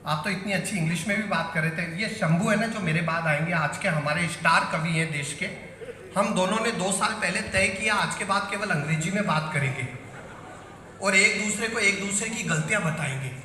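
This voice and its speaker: On stage in a large hall, a man performs as a satirical poet in a live comic poetry recital and banters with the audience. His voice sits high, bright and forceful, at a moderate pace, and the recording carries hall echo and a faint crowd.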